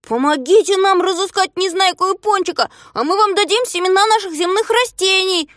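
A woman voicing a sensible male leader who calls out loudly. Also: sing-song, quick pace, no room sound, clean studio sound, full character voice. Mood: urgent calling. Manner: calling out loudly, high. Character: clever calm male leader of little folk.

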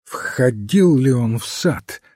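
A man voicing a mild, patient little priest detective who answers calmly and cryptically. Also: a little high, unhurried, dry recording, clean studio sound, pitched above the performer's own voice, full character voice. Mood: calm, cryptic. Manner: calm, gently cryptic.

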